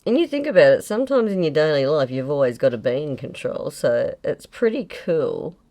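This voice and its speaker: A woman's voice: low voice, big pitch swings, brisk, mellow. A middle-aged woman, chatting casually and swearing playfully while she paints. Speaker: fluid art host.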